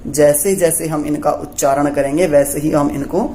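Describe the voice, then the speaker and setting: A man's voice: fairly high pitch, fairly even intonation, moderate pace, mellow, slight background noise. A man teaching a Sanskrit lesson for young pupils. He asks questions and answers them himself, checking in often as he goes. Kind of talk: classroom lesson explaining letters.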